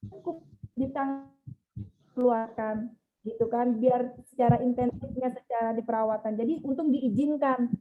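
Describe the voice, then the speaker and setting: A woman pastor giving an emotional, earnest testimony and speaking straight to her listeners. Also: high-pitched. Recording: tinny phone-like sound.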